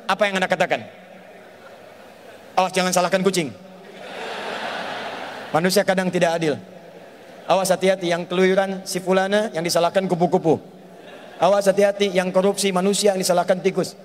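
A male preacher telling a story in a sermon, animated and asking his audience questions. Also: high-pitched, a little fast, pauses often, slight background noise. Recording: long hall reverb.

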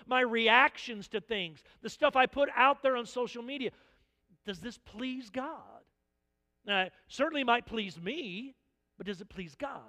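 A man with a high, bright voice delivers a sermon. He is animated and keeps slipping into short acted-out exchanges. The sound carries a long reverb from an echoey church hall. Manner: animated, acts out little dialogues. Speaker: pastor.

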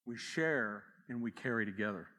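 A man's voice: fairly low pitch, expressive, normal speed, bright, forceful tone, in a large hall. A man preaching a sermon as pastor, in a conversational way with asides and acted quotes.

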